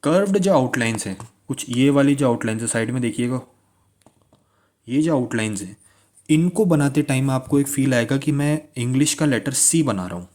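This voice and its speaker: A man's voice: mid-range voice, animated, normal speed, darkish tone. A man teaching shorthand strokes, repeating key words and asking listeners to pronounce along. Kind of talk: classroom-style tutorial.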